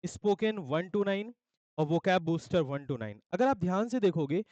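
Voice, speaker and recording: A young man from India, an English teacher with an Indian accent, promoting his course batches in an energetic sales pitch, often checking in with listeners. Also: a little slow, dry recording, dull audio. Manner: mixes Hindi with English phrases. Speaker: English teacher for exam aspirants.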